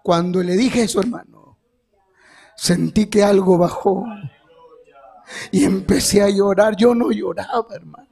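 High gravelly-voiced man preaching. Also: steady tone, unhurried, long pauses. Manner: fervent, rising to shouts, keeps calling listeners brother. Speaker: guest preacher. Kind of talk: impassioned testimony sermon.

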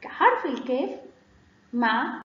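A woman with an Egyptian accent teaching children Arabic letters, sounding them out in a sing-song, drawn-out way. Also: sits high, very animated. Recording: roomy, slightly dull recording.

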